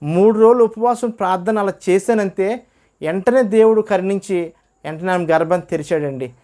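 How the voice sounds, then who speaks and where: A man tells his testimony in an earnest, storytelling way. His voice sits a little high for a man, and he acts out each line of dialogue. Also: normal speed, warm tone. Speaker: testimony speaker. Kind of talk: personal religious testimony.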